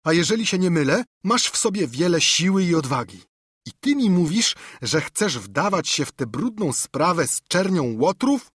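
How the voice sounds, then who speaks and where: A man voicing an honest, stubborn sailor with a raspy, trembling voice who speaks earnestly and indignantly. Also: a little high, sing-song, normal speed, a bit bright, no room sound, studio quality, voice pushed up, exaggerated voice. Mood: pleading.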